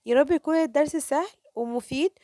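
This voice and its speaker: A woman with an Egyptian Arabic accent teaching a children's reading lesson. She asks questions and answers them herself, and stretches example words out slowly, syllable by syllable. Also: high-pitched, dark tone, dry recording, studio quality.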